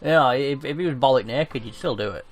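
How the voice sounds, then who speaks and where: A man's voice: medium pitch, fairly quick. A man co-hosting a casual watch-along commentary, joking, laughing often and swearing freely. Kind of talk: casual chat.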